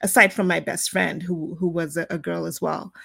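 A woman's voice: on the low side, steady tone, moderate pace, creaky, sharp tone, breathy edge, no room sound, studio quality. A woman from Zimbabwe co-hosting a podcast, chatting casually and thoughtfully with some hesitant fillers. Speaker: podcast co-host.

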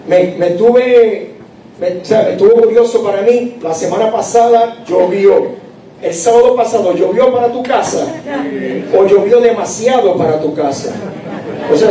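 A man's voice: high-pitched, warm tone, a little hiss or hum. A man in his late fifties preaching a chatty, humorous sermon, often asking the congregation questions. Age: late 50s. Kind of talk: conversational sermon.

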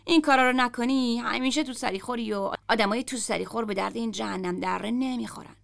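A woman reading the lines of a gruff, foul-mouthed grown man who grumbles and swears in a story. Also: on the high side.

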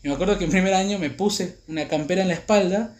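A young man with an Argentine accent, hosting a podcast and telling stories in a lively, laughing, swearing way. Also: high-pitched, fast talker. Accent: Argentine Spanish. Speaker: podcast host. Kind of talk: casual storytelling chat. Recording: roomy echo.

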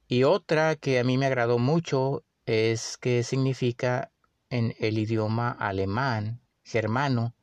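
A man with a Mexican accent hosting a podcast, musing in a relaxed way with many pauses and fillers. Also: mid-range voice, dry recording. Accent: Mexican Spanish. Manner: unhurried, with frequent fillers and restarts. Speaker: podcast host. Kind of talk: casual reflective monologue.

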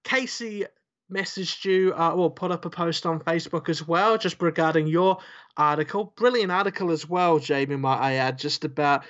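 A man's voice: on the high side, normal speed, fairly bright tone. Rambling podcast host man, lo-fi sound. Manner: rambling, filler-heavy, joking. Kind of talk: casual podcast chat.

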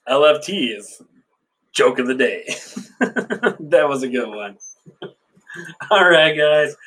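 Male solo podcast host with a fairly high voice, crude and profane, laughs often. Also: fairly bright tone. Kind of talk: casual solo chat and joke-telling.

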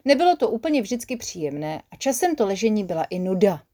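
A woman narrating a children's story in a lively, expressive way. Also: medium pitch.

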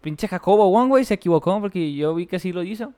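A young man with a Mexican accent, co-hosting a podcast in loose, slangy banter, laughing loudly and often. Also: high-pitched, expressive, fast, clear, resonant tone. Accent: Mexican Spanish. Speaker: podcast co-host.

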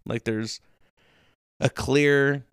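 A man from Illinois co-hosting a casual history podcast, chatty and joking with quick asides. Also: medium pitch, fairly even intonation, fairly bright tone, smooth, no echo, studio quality. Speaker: podcast co-host.

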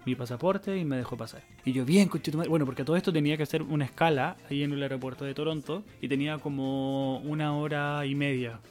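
A man's voice: on the high side, fairly even intonation, quick pace, few pauses, a little mellow, soft background music. A young Chilean man with a Chilean accent, telling a rambling story in casual podcast chat, full of slang and swearing. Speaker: podcast host.

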